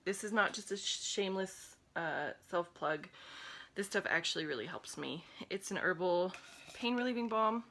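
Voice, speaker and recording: A woman's voice: on the low side, expressive, moderate pace, fairly bright tone. A woman in her thirties from the United States, chatting casually in a home vlog with frequent ums and laughs, a little winded. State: a little out of breath. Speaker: vlogger. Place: home room.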